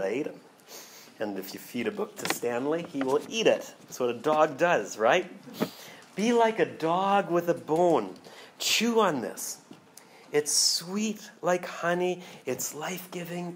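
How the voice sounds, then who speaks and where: Expressive male pastor preaching. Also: fairly high pitch, background noise. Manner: expressive, dramatic reading of scripture with slow emphatic phrasing. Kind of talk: sermon. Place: church hall.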